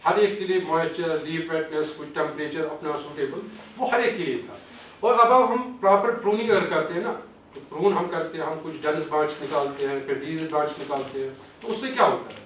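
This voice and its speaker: A man's voice: fairly high pitch, fairly bright tone. A man with a Kashmiri accent giving a training lecture, explaining step by step, asking questions and then answering them, slipping English terms into his speech. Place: lecture hall. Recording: echoey hall, distant mic, faint hiss.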